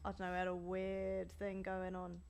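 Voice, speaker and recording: A woman's voice: lowish voice, normal speed, creaky, crowd noise. A young woman from Britain, a podcast co-host swapping school stories in casual chat, swearing and laughing often. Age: young adult. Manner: swearing, laughing, animated storyteller.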